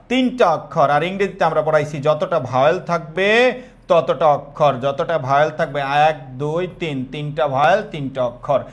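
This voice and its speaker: Guy teaching exam prep online, voice on the high side, keeps repeating terms and quizzing everyone.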